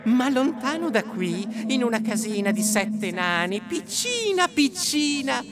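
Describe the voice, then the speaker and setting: A man's voice: very high voice, big pitch swings, measured pace, voice pushed up, exaggerated voice. A man voicing a magic mirror in a fairy tale, speaking in a lilting sing-song. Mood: singsong. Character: magic mirror, a talking enchanted thing.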